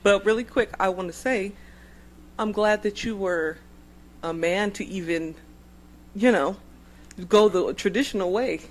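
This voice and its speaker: A woman's voice: medium pitch, a little slow, long pauses, rough recording. A woman co-hosting a podcast, chiming in supportively during a casual conversation with her husband. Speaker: podcast co-host.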